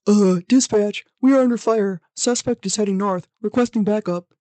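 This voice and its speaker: A woman voicing a flustered male police officer calling in over the police radio, in a hurried, halting callout. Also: medium pitch, dark tone, no room sound. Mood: urgent. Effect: police radio call.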